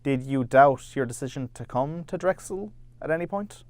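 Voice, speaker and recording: A man's voice: mid-range voice, expressive, moderate pace, a little mellow, no room sound. A man reading scripted news narration and interview questions as a reporter.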